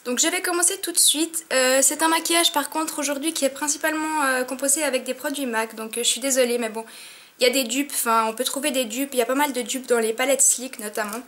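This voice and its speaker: This young beauty vlogger, sniffling with a cold, gives a chatty makeup tutorial in front of a mirror at home, filling her speech with fillers. Her voice is high-pitched and a bit bright, with fairly even intonation and a fast pace.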